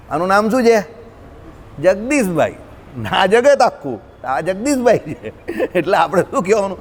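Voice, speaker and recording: A high-pitched man teaches scripture to a gathering, speaking. He talks to his listeners directly and lively. His voice rings with the long reverb of a hall. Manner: lively, addresses listeners directly, mixes in English. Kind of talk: discourse on scripture with examples.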